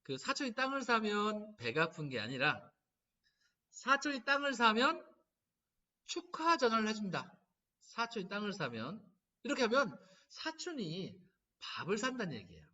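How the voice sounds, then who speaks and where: Animated man giving a lively lecture. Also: high voice, normal speed. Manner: animated storytelling, acting out quoted lines. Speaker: laughter therapy lecturer. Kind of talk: humanities lecture. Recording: dull, distant lo-fi recording.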